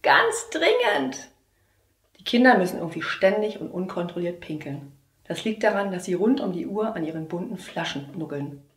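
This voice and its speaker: A young woman, a trainee teacher, performs a humorous slam poem on stage, storytelling with a lot of bounce and sudden bursts of shouting. Her voice sits a bit low for a woman. It rings out in a roomy, echoing space. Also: brisk. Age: young adult. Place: theater stage. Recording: roomy echoey stage sound.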